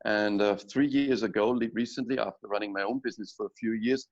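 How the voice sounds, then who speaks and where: A man's voice: fairly low pitch, fairly even intonation, brisk. A man from Austria, introducing himself chattily with light humor on a webinar panel, over dull lo-fi call audio. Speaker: regional logistics director, panel guest.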